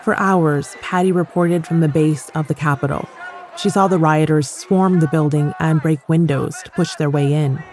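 A woman's voice: low-pitched, steady tone, a little mellow, a little hiss or hum. Woman narrating a news podcast. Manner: measured, clear delivery. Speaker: podcast host. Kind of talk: scripted narration.

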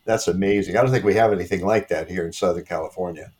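A man hosting an interview, asking friendly questions with many hesitant pauses. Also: deep voice, darkish tone. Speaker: podcast host.

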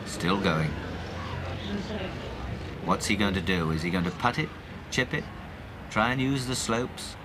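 Man, golf commentator, lowish voice, measured live commentary, noisy outdoor broadcast with crowd. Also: expressive. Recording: old outdoor broadcast, loud crowd and noise. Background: crowd and outdoor noise.

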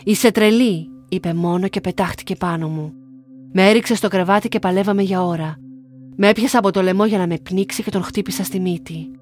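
Calm woman narrating over soft music. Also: fairly low pitch. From Greece. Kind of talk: scripted first-person narration. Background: faint music.

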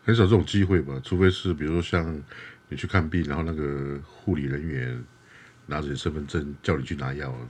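A man's voice: rumbling low, a little fast, breathy edge. A middle-aged man co-hosting a podcast as a professor, chatting casually and animatedly. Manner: animated, breaks into laughter and mock voices. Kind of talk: casual chat.

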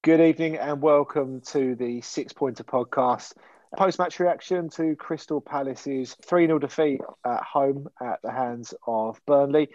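A man's voice: mid-range voice, unhurried, darkish tone, lo-fi sound, faint music behind. A man hosting a casual football podcast, talking frankly and steering the chat between his co-hosts. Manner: conversational, frank, steers the talk. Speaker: podcast host.

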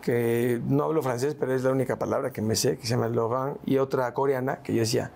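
Gravelly Mexican man telling a story. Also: mid-range voice, steady tone, fast, a little mellow, a little hiss or hum. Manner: slangy, tags lines with "¿no?" and "güey". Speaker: interview guest. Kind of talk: casual storytelling interview.

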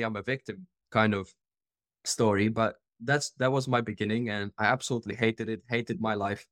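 A man's voice: fairly low pitch, no room sound, studio quality. Earnest young man from Czech Republic. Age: 20s. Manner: earnest, open, with frequent fillers. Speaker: podcast guest. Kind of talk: casual interview storytelling.

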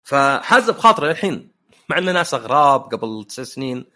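A man's voice: medium pitch, sing-song, fast, sharp tone. A man hosting a casual podcast chat, telling jokey personal anecdotes. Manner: anecdotal, joking storyteller. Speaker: podcast host.

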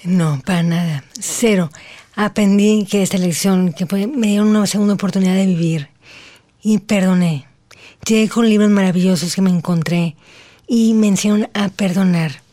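A woman in her forties, talking slowly and earnestly as a guest on an interview show. Her words come out carefully, one by one, with a middle-pitched voice. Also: mellow. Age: 40s. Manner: slow, deliberate, earnest speech after recovering her voice. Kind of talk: personal storytelling.

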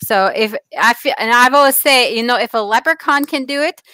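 Woman doing crystal-loving Laddle, bright and earnest. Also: a little high, a little fast, clear, resonant tone, no room sound. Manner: broken grammar, dropping plurals, adding stray articles. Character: odd lovestruck woman obsessed with crystals. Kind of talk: improvised comedy character.

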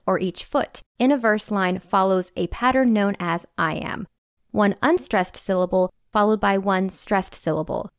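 A woman's voice: mid-range voice, no echo. Woman reading a dry, teacherly explainer. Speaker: podcast co-host. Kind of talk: scripted explainer narration.

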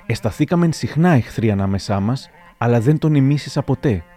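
A man's voice: mid-range voice, expressive, warm tone, faint music behind, lightly acted. A man voicing a proud, blunt old general who speaks in dry, wry sayings.

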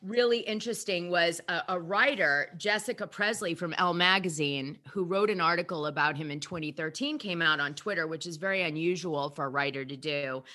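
A woman hosting a casual podcast chat, blunt and animated, often swearing. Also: fairly low pitch, fairly quick, few pauses.

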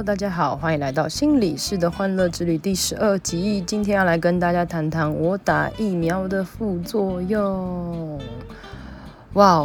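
A young woman, a psychologist hosting her own show and chatting through a personal story with lots of fillers. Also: lowish voice. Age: young adult. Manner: chatty, animated retelling with many fillers. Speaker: podcast host, psychologist. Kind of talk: casual storytelling monologue.

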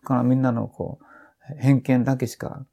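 Older man, gravelly, dark, halting rambling talk. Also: mid-range voice, flat delivery. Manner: rambling, with many restarts and trailing phrases. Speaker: author and podcast guest. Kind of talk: casual conversation.

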